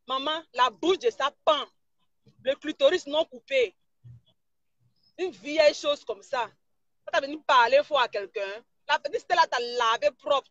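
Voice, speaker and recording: A woman's voice: high voice, fairly bright tone, no echo, lo-fi sound. A woman blogger, ranting mockingly and insulting someone during a live stream. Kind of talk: live-stream gossip rant.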